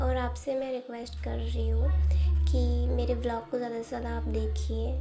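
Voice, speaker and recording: A young woman narrating a casual home vlog in a chatty, giggly, self-teasing way. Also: a little high. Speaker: vlogger. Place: home, indoors.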